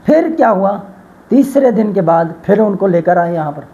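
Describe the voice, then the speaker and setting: A man's voice: sits high, expressive, gravelly, dark tone, lo-fi sound. A man, a spiritual healer, earnestly retelling a story about his healing work in a religious talk. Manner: earnest, swearing by God, retelling a dialogue.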